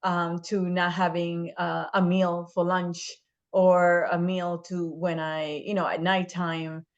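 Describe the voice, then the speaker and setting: A woman's voice: lowish voice, flat delivery, takes it slowly, muffled recording. A woman from the Dominican Republic, a guest in an interview, speaking earnestly and emphatically and often adding "right?". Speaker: guest, state legislator.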